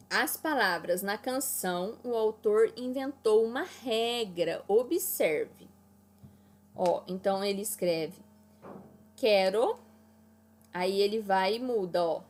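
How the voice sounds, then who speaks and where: A woman's voice: mid-range voice, takes it slowly. A woman teaching an online class to children, walking them through exercises patiently and checking in often. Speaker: primary school teacher.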